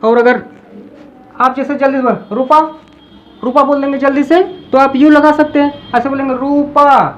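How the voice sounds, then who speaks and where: A woman teacher explaining a lesson in a classroom style, repeating example words slowly to drill them. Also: high voice, steady tone, rough recording.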